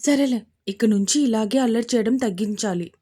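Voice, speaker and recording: A woman's voice: a little high, moderate pace, warm tone, slightly rough. A woman voicing an exasperated young mother scolding her family in a storybook reading. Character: scolding young mother, sharp-tongued but fond.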